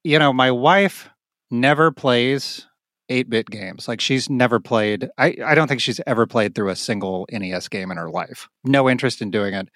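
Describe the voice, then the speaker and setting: Excitable male podcast co-host, swears a lot, dry close sound. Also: medium pitch, moderate pace, dry recording. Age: adult, married. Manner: excitable, swears freely, laughs often. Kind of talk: casual chat.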